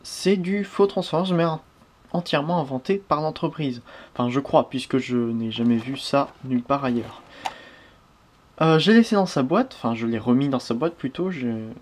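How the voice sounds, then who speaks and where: A man's voice: mid-range voice, normal speed, a little mellow. A man hosting a casual toy unboxing review, chatty and prone to small hesitations and self-corrections.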